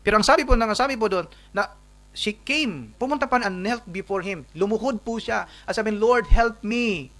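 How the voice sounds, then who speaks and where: A man preaching to his congregation in a somewhat high voice. He moves between Tagalog and English, builds to emphatic peaks and asks the listeners one rhetorical question after another. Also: lively intonation, a little fast, pushed and bright. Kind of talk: sermon.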